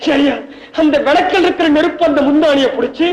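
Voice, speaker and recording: An actor playing a weepy, whining young rich heir in an old film comedy, talking in a sing-song whine. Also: male voice, very high-pitched, quick pace, dull audio. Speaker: comic lead, a weepy rich young heir called minor. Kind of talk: 1960s film comedy acting. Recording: echoey old film soundtrack.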